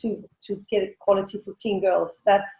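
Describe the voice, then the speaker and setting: A teen coach and business owner in her forties, native to Denmark and speaking with a Danish accent, answers interview questions casually, hesitating and correcting herself. She talks at a normal speed in a dark, medium-pitched voice with fairly even intonation. The sound is dull, roomy and echoing.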